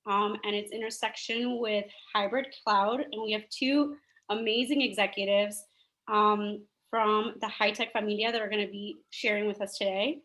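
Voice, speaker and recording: A woman's voice: medium pitch, fairly even intonation, normal speed, fairly bright tone. A woman host introducing speakers at an online session in an enthusiastic, upbeat way. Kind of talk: event introduction.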